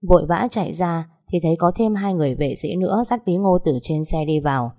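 A woman narrating a first-person story in a measured, sorrowful way. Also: on the low side, warm tone. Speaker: audiobook narrator.

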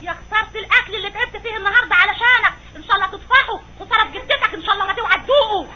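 A woman playing a chatty nagging wife in a vintage radio comedy, talking nonstop and shrill, on a dull old recording with hiss. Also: rapid-fire. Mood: scolding. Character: chatty nagging wife, middle-aged, scolding. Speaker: actress in comedy sketch.

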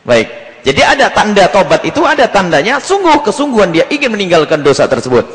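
Pengkhotbah pria bersuara tinggi dan hidup. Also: male voice, sits high, fast talker, in a large hall, rough recording. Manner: animated, acts out dialogues and jokes. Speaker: Islamic preacher answering questions. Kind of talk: sermon answering a question.

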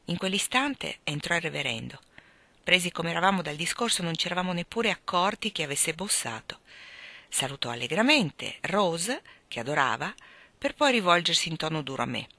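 A woman reading a novel aloud, narrating in a clear, expressive storytelling manner. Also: lowish voice, normal speed, no echo. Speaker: audiobook reader.

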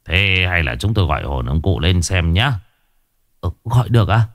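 A man doing a calm exorcist master. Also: deep voice, normal speed, no room sound, studio quality.

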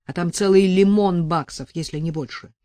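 A woman's voice: lowish voice, fairly even intonation, normal speed, mellow, no room sound, studio quality, close to an everyday voice. Woman voicing a crude menacing gangster man. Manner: menacing, blunt slang. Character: threatening male gangster, crude and cold.

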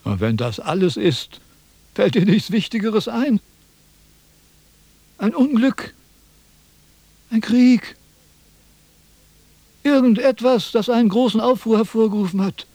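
A pompous, lecturing old sage. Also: male voice, high-pitched, expressive, slow, long pauses, warm tone, no room sound, exaggerated voice. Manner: pompous, lecturing, easily indignant. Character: vain, pompous old male Chinese philosopher. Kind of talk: 1970s radio drama acting.

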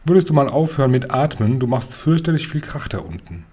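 A man reading aloud, voicing a big, kindly old male giant who gets excited and mixes up his words. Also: medium pitch, fairly quick, breathy edge. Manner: excited, garbled word choices.

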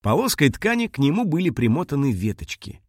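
A man narrating a children's audiobook in an expressive, lively storytelling manner. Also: on the high side, brisk, dry recording, studio quality.

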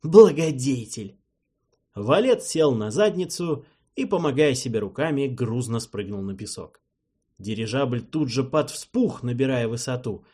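A man's voice: medium pitch, expressive, normal speed, darkish tone, breathy edge. A man narrating a story in the first person, reading expressively. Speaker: audiobook narrator.

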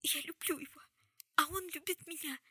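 A woman reading an audiobook, voicing a hysterical young woman who sobs and pleads in a shrill voice. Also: animated, brisk, vocal fry, pushed and bright, dry recording, clean studio sound, full character voice. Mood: tearful. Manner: sobbing, shrill, near screaming.

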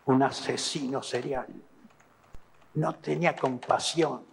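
A man with an Argentine Spanish accent giving halting testimony, repeating and restarting as he retells events, in an archive recording. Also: mid-range voice, fairly even intonation, gravelly, a little hiss or hum. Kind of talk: recounting testimony. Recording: archive recording in an echoey hall.

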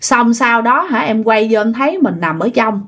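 A woman's voice: on the high side, expressive, normal speed. A woman with a Southern Vietnamese accent voicing a fretful young village wife who asks anxious questions. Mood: complaining. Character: startled young village wife, sleepy, then frightened.

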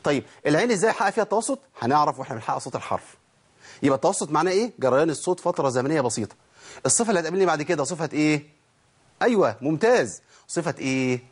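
This man talks rapid-fire in a slightly high, expressive, somewhat rough voice. He's an Egyptian-accented Quran recitation teacher leading a tajweed lesson, asking and answering his own questions as he demonstrates how letters sound.

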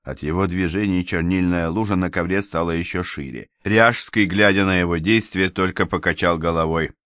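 Deep-voiced male audiobook narrator. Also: no echo. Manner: measured, even storytelling reading. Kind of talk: scripted narration.

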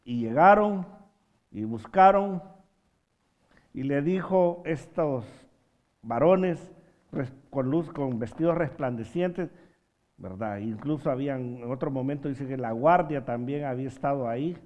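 A man's voice: mid-range voice, a little slow, darkish tone. A man preaching a sermon, posing rhetorical questions to the congregation and dropping in humorous asides. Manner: rhetorical questions with frequent "¿verdad?" tags.

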